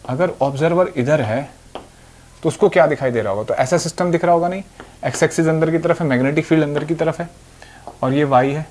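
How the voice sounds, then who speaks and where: A man's voice: a little high, brisk, a little mellow, slight background noise. A young man teaching physics. He explains step by step and keeps checking that his students are following. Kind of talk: whiteboard physics lesson.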